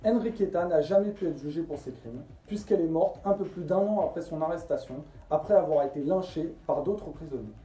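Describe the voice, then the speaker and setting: A man's voice: fairly high pitch, a little fast, hardly any pauses, warm tone. A man narrating a scripted true-crime story as a storyteller and host. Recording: roomy echo, distant from the mic.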